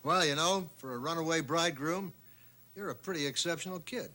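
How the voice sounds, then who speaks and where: A man playing a proud, wistful middle-aged divorced father in a television drama, speaking in an earnest, coaxing and halting way. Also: on the high side, sharp tone. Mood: measured, rueful.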